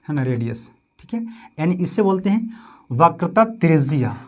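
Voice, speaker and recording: A man's voice: a little high, big pitch swings, normal speed. A man with a Bihari Hindi accent teaching a physics lesson, repeating terms and asking questions that he answers himself. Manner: repetitive, checks with 'समझे?' and 'है ना'; asks questions then answers them himself.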